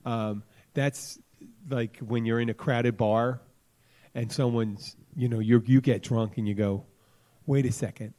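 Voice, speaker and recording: A man hosts a podcast in casual chat, rambling through jokey, crude stories and tangents. His medium-pitched voice is warm and measured, with fairly even intonation.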